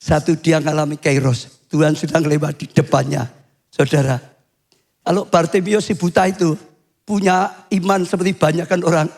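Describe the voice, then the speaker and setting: Older male pastor, high voice. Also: steady tone, moderate pace, creaky. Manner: swings to high shouting when acting out cries. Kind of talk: sermon.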